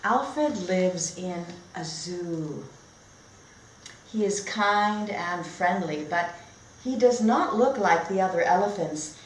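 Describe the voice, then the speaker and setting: As part of a storybook read-aloud lesson for young learners, a woman teacher demonstrates read-aloud techniques, reading slowly and carefully in short, simple phrases and often asking her listeners questions. Her voice is fairly low-pitched with lively intonation, and the echoey room has noticeable background noise.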